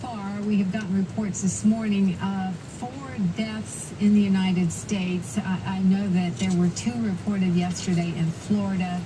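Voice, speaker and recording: A woman's voice: mid-range voice, flat delivery, a little slow, few pauses, background noise. A woman anchoring live storm news coverage, giving updates and safety advice in a partly ad-libbed way.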